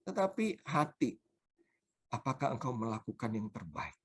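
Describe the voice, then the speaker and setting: A man's voice: mid-range voice, very animated, moderate pace, fairly bright tone, breathy edge. A male pastor preaching a sermon, telling personal stories with emphasis.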